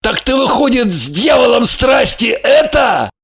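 Man doing a storybook manager, high, raspy and slow, jealous and easily alarmed. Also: big pitch swings, exaggerated voice. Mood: flustered angry. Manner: shouting, bewildered, mumbling.

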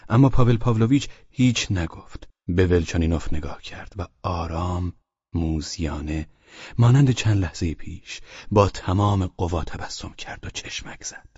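Brief: low, husky male reader, steady literary narration, dry close sound. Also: dry recording, dull audio. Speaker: audiobook narrator.

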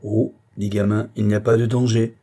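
A man's voice: lowish voice, little pitch movement, moderate pace, dark tone. A man doing a sick, bitter old locksmith. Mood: resentful. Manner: resentful, grumbling.

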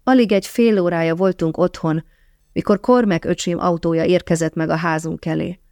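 A woman narrating a first-person memoir audiobook in a calm, measured, softly reflective way. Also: lowish voice, no room sound, clean studio sound.

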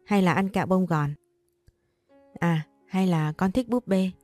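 A woman voicing a doting, flustered father who coaxes his young daughter, in a low, dark reading voice. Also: measured pace, dry recording, soft background music, lightly acted. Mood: coaxing. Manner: coaxing, then scolding.

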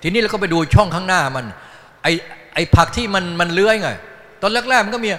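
A man's voice: high voice, quick pace. A man teaching a Buddhist dharma talk in a folksy storytelling manner, acting out little voices as he goes. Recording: long hall reverb.

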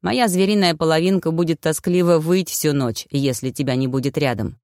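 A woman voicing a calm male werewolf. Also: low-pitched, no room sound, clean studio sound. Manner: calm, gently teasing, unhurried. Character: calm male werewolf lover, teasing, protective.

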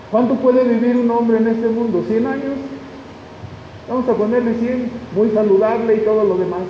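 A man preaches a sermon in a very high voice, pressing his listeners with rhetorical questions. His voice rings through a large church hall with a long reverb tail. The recording is muffled and lo-fi. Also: slight background noise. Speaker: pastor. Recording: dull echoey hall recording.

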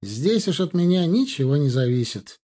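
A man's voice: a little high, sing-song, normal speed, warm tone. A man voicing a polite, fussy male army treasurer in an audiobook. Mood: deferential. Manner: polite, deferential counting.

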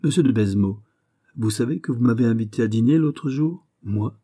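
A sly, bold musketeer captain teases and bluffs with easy confidence, as a male narrator plays him. His tone stays dark and husky, lifted a little above the reader's usual pitch. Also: fairly quick, close to an everyday voice. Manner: confident, teasing.

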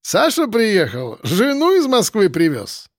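A man's voice: high voice, wildly swooping pitch, a little slow, no echo, clean studio sound, voice pushed up, heavily acted. A male narrator voicing a stocky, cheerful young man who speaks with a strong accent and teases playfully. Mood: teasing. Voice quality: strong juicy accent, teasing. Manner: playful, exclaiming. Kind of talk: audiobook character voice.

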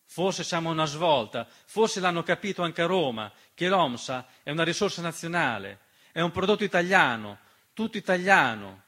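Here a man's voice, pitched on the high side with a sharp tone and lively intonation, carries a theatrical political monologue at a moderate pace. He's a stage monologist, passionate and rhetorical, talking right to the listener while piano music plays underneath.

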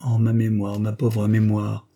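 A man reading the part of a dying old woman who speaks in halting, breathless pleas that drop to whispers. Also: medium pitch, dark tone, husky, close to an everyday voice. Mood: pleading.

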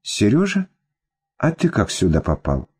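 A man's voice: sits low, sing-song, a little slow, mellow, slightly rough, exaggerated voice. A man voicing a cheerful older mother. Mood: welcoming. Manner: welcoming, surprised.

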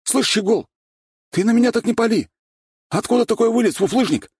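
A cute young wannabe street tough, all slang and fake menace. The voice is pushed far above the reader's own and swoops a lot, dry and close. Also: male voice, extremely high pitch, lively intonation, a little fast, darkish tone, slightly rough, no room sound, voice pushed up, full character voice. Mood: mock tough. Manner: slangy, mock-threatening.

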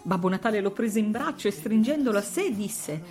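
Expressive woman reading a fairy tale. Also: medium pitch, a little fast, soft background music. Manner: expressive, melodic storytelling. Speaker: narrator. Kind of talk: storybook audiobook reading.

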